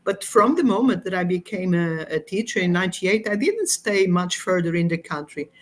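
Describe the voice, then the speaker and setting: A woman's voice: lowish voice, animated. Middle-aged woman, thoughtful guest. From Portugal. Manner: thoughtful, unhurried explaining with frequent pauses. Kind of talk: explanatory conversation.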